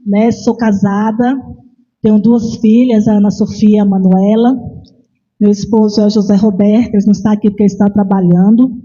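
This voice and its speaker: A woman with a Brazilian Portuguese accent preaches in a church chapel, telling her own story in a relaxed, chatty way. Her voice sits a little high and sounds soft and mellow. The recording is dull and lo-fi, with a faint instrument playing behind her. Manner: conversational, frequent "né" tag questions. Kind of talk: sermon with personal testimony.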